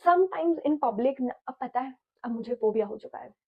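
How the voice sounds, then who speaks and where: A woman's voice: on the high side, expressive, normal speed, creaky. A young woman from India, telling a storytime vlog casually and with animation, mixing Hindi and English and swearing freely. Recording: slightly dull lo-fi audio.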